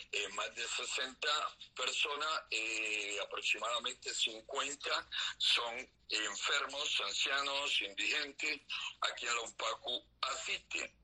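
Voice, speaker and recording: Cuban man with a bright, husky voice on a tinny phone line. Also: mid-range voice. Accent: Cuban Spanish. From Cuba. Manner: earnest, halting with many fillers. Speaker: activist leader interviewed. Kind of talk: phone interview.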